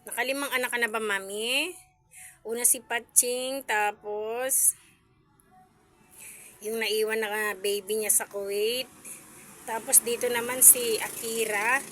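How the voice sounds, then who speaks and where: A woman's voice: a little high, a bit bright. A woman vlogging casually at home about her cats, chatty and cooing baby talk at the kittens.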